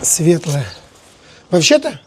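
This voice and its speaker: A woman's voice: low-pitched, big pitch swings, takes it slowly, slight background noise. A woman with an Odessa Russian accent bantering casually as she cooks, playfully bossy and affectionate in a colloquial way. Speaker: home cook in a family food video. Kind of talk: casual banter while cooking.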